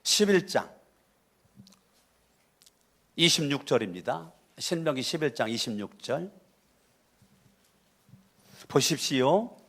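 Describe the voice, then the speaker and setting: Emphatic pastor, fairly high male voice. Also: sing-song, slow pace, pauses often, a bit bright. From Chungcheong, Korea. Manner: emphatic, repetitive, calls for congregation responses. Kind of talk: sermon. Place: church sanctuary.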